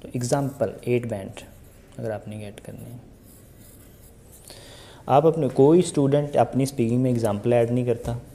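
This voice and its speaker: A man's voice: mid-range voice, normal speed, pauses often, mellow, slight background noise. A young man coaching IELTS speaking in a casual tutorial, chatty and full of rhetorical questions to the viewer. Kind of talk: casual Hindi tutorial monologue.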